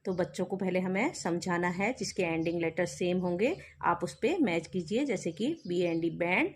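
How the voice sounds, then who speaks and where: A woman teacher explaining a kindergarten English lesson, spelling out words letter by letter and then saying each one slowly. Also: fairly low pitch, a little hiss or hum.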